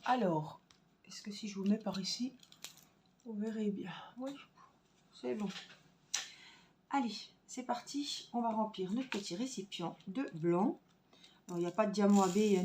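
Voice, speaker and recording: A woman's voice: mid-range voice, dark tone. A woman in the middle of her register chats with viewers while she works at a craft table at home. She thinks aloud with plenty of fillers and recorded her voice on a phone camera. A faint background hiss runs under her speech. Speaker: crafts vlogger. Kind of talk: casual tutorial chat while crafting. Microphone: phone camera on a stand.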